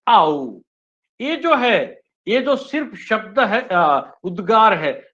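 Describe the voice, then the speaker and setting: Male trainer leading a live webinar, fairly high voice, lively and varied, keeps calling the audience friends, muffled lo-fi sound. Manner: addresses listeners as friends, often repeating "yes friends"; switches between Hindi and English sentences. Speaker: teacher trainer. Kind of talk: live online training talk. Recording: dull lo-fi webinar audio.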